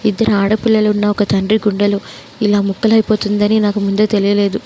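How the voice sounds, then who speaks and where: A woman's voice: medium pitch, monotone, fast, warm tone, slight background noise, close to an everyday voice, poor audio. A woman voicing an aging father, heavy with remorse over his daughter. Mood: remorseful. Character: aging father full of regret.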